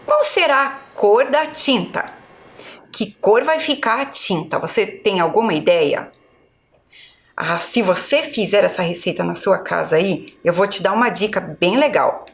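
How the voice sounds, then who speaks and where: A woman teacher with a Brazilian Portuguese accent giving a primary school video lesson, spelling words slowly syllable by syllable for young children. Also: mid-range voice, expressive. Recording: echoey room.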